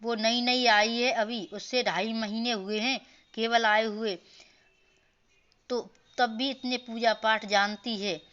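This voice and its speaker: A woman's voice: a little high, steady tone, slow, fairly bright tone, clean tone, muffled recording. A woman voicing a nagging older mother-in-law in a cartoon story, scolding as she talks. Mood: praising. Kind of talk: storybook voice acting.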